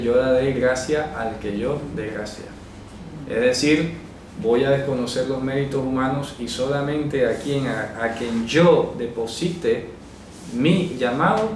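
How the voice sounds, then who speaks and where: A man leads a Bible study class, voice set at an ordinary middle pitch. He spells out Hebrew phrases slowly and keeps checking that listeners follow. The recording is very echoey, with the mic far off and faint noise behind. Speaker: Bible teacher.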